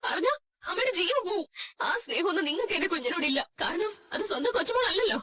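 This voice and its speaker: A woman's voice: very high-pitched, big pitch swings, quick pace, pushed and bright, exaggerated voice. A woman voicing a young mother who scolds sharply and accusingly when her child goes missing, in an amateur drama dub. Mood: furious. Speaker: fan dub voice actor.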